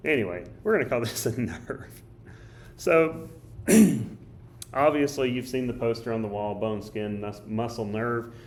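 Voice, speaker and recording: A male teacher with a hoarse, choked-up voice, casually thinking aloud as he walks through a study guide. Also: medium pitch, a little slow, darkish tone. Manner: casual, thinks aloud while drawing and writing. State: hoarse, coughing. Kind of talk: recorded study guide walkthrough.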